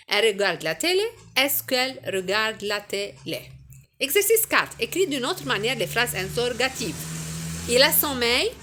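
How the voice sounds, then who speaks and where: A woman teacher giving a French grammar lesson to her pupils, patient and clear, with a sing-song rise on her questions. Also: mid-range voice, bright, forceful tone.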